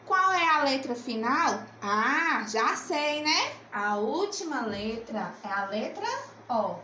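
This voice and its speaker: Lady teacher, high voice, slow and coaxing, echoey room. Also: big pitch swings, bright, forceful tone, a little hiss or hum. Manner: slow, coaxing, asks and answers her own questions. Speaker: primary school teacher. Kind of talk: remote literacy lesson.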